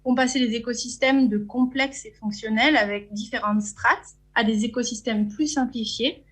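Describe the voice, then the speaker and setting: A woman's voice: on the high side, steady tone, normal speed. A woman with a French accent giving an academic conference talk from slides, hesitant, with frequent fillers and restarts. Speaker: conference speaker.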